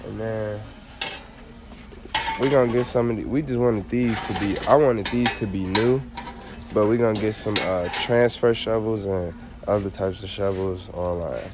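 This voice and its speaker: Casting: American male animal vlogger, slangy casual talk, slightly low voice, noisy on-location recording. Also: fairly even intonation, normal speed. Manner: informal, slangy, addresses viewers directly. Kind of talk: casual vlog chat to viewers. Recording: noisy on-location handheld vlog audio.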